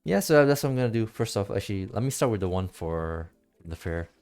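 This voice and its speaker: A man with a low-ish, darkish, animated voice streams a game as its music plays behind him. His casual commentary wanders and stalls as he thinks aloud, often repeating himself.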